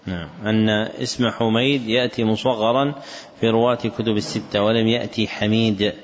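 A man teaching a lesson, explaining the text in a measured, deliberate way, recorded in an echoey hall with dull lo-fi sound. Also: lowish voice, flat delivery, slight background noise. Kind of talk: scholarly lesson commentary.

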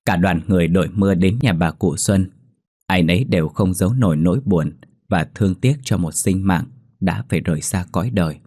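A man narrating a ghost story in a slow, somber, dramatic way. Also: deep voice, mellow, slightly rough, dry recording, clean studio sound.

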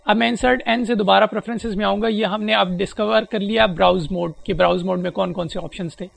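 A man walking through software settings step by step in a spoken tutorial, pausing often with hesitant fillers. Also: high voice, fairly even intonation, creaky. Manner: explains step by step with frequent hesitations. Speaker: presenter demonstrating a screen reader.

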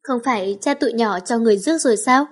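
A woman's voice: a little high, fast, natural voice. A woman reading the lines of an easygoing young male teacher explaining in a storybook.

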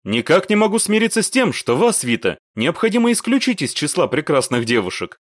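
A man's voice: on the high side, very animated, fairly quick, dry recording, clean studio sound, pitched above the performer's own voice. A man voicing a cocky, mocking young male soldier in an audiobook. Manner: teasing, smirking.

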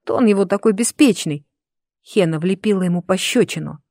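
An audiobook narrator reading a fantasy novel in a lively, expressive storytelling manner. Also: mid-range voice, normal speed, no echo. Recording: dry close recording.

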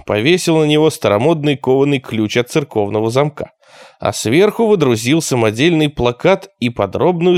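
A man narrating an audiobook in an expressive storytelling manner. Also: medium pitch, no room sound, studio quality.

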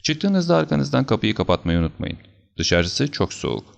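A man voicing a calm, amused, mocking detective in an audiobook, speaking in a wry, unruffled way. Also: mid-range voice, moderate pace, gravelly, pitched above the performer's own voice. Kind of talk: audiobook character reading.

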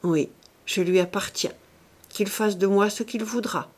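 A woman's voice: mid-range voice, steady tone, unhurried, a little mellow, natural voice. A woman reading an audiobook voices a stubborn, obsessed male painter in a dull, resigned tone. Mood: resigned, gloomy.

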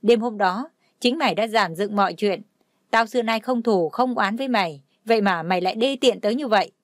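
A woman's voice: medium pitch, a little fast, dry recording, clean studio sound, natural voice. A woman voicing a drunk, heartbroken young man who slurs and lashes out in anger. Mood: furious. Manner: slurred, bitter shouting.

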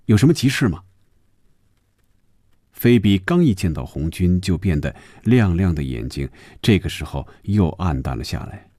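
Very low-voiced male storyteller. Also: expressive, normal speed, dark tone, no room sound, clean studio sound. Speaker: narrator. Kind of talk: storybook radio reading.

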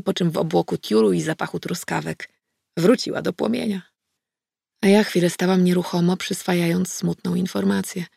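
Woman reading an audiobook, low-ish gravelly voice, dry close sound. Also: warm tone, dry recording. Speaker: audiobook narrator. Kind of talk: scripted first-person narration.

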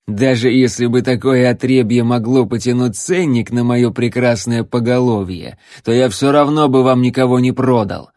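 A man voicing a coarse, surly male hermit hunter who hates people and shouts insults. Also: moderate pace, no echo, studio quality, lightly acted. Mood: scornful. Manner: shouting insults, later shrill panicked falsetto.

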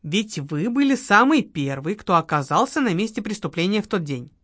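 A woman voicing a shrewd, calm male investigator who questions firmly and patiently. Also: mid-range voice, normal speed, dry recording, studio quality. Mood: calm questioning.

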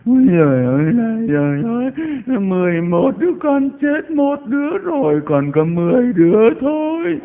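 A man mimicking an old woman wailing a shrill, exaggerated lament at a funeral. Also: big pitch swings, quick pace, hardly any pauses. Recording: echoey hall over tinny broadcast line.

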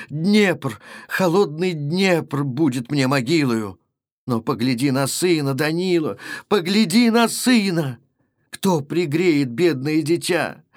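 A man's voice: fairly high pitch, no room sound, studio quality. A man voicing a grieving young wife who pleads with passion in a storybook reading. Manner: impassioned, pleading.

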